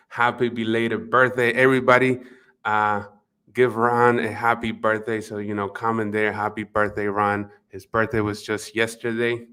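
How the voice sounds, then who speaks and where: Using a desk microphone at his computer, a man with a Spanish accent, a livestream host and marketing coach, leads a live webinar from his office in a casual, chatty way, addressing viewers by name with many fillers. His voice is lowish with a fairly bright, clean tone.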